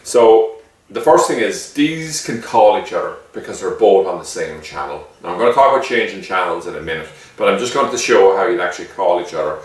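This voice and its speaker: Playing a shop owner presenting a product, a man gives a casual, chatty demonstration, explaining each step and often checking in with the listener. His low voice is expressive and brisk, caught by a distant microphone in an echoey room.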